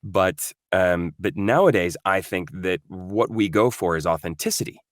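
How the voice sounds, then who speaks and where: Speaking at a normal speed in a low voice, a Norwegian voice actor chats through an easygoing interview, thinking as he goes with many fillers and restarts. The recording is dry and studio-clean.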